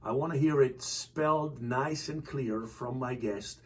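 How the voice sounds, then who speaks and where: A man hosting a podcast interview, asking open questions in a relaxed, chatty way. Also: medium pitch, measured pace. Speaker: podcast host. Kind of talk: conversational interview. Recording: distant mic with faint background noise.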